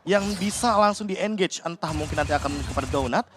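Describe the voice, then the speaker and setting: A man's voice: fairly high pitch, fast, noisy background. A man with an Indonesian accent giving live analytical commentary on a video game match.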